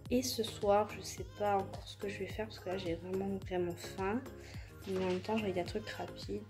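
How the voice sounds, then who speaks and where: A young woman in her twenties chats straight to her camera in a loose, rambling vlog style, her pitch sitting in an ordinary middle range. She drifts between thoughts and often breaks off with small apologies. Soft background music runs under her voice. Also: vocal fry. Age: 20s. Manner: chatty, rambling, apologetic asides. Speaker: student vlogger. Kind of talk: casual vlog chat to camera.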